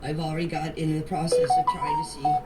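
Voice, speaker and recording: A grandmother speaks over loud music in voice messages for a group chat, answering questions with an emotional personal statement. Her deep voice holds a level tone at a slightly fast pace, plain-spoken yet pleading and insistent, and the amateur recording is distant and noisy.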